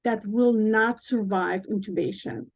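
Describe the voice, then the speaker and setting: A woman's voice: medium pitch, a little slow, gravelly, a little mellow, breathy edge, highs cut off. Lithuanian-born woman, earnest podcast guest. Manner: earnest, with frequent fillers and small laughs. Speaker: nurse practitioner guest. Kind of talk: podcast interview.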